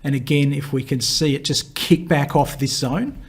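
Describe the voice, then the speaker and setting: His voice is a little high and rough, as if he's losing it, as this male market analyst runs a live Q&A and rambles over stock charts. Expect lots of fillers, restarted phrases and quick laughs while he responds to viewer questions.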